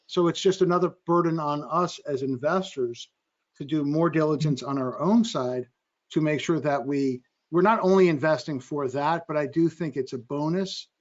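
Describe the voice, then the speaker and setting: A fairly high-voiced man talks as an investor on a panel, quick and energetic, often breaking into his own sentences. The audio is dull and lo-fi, as from a video call. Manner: energetic, quick, self-interrupting. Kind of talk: panel discussion.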